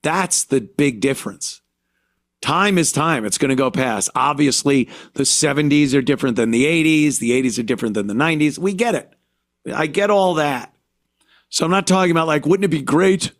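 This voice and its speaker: A man from the United States hosting a podcast, talking alone in an indignant rant full of halting restarts. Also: on the high side, no room sound, studio quality. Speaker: podcast host. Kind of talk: podcast monologue.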